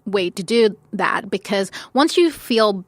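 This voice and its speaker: A woman's voice: mid-range voice, animated, takes it slowly, dry recording. A young woman from France, a guest style consultant, telling stories in a chatty way, laughing often and acting out quotes. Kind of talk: casual podcast interview.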